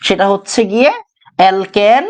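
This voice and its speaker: A man's voice: sits high, normal speed. A male chemistry teacher, giving an exam-prep lecture. He repeats key phrases over and over, asking questions and answering them himself. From Bangladesh.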